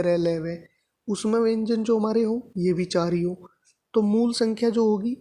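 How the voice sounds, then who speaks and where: A woman's voice: medium pitch, dark tone. A woman teaching a grammar lesson to exam students, explaining step by step and answering her own questions. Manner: repeats points with frequent "thik hai" checks.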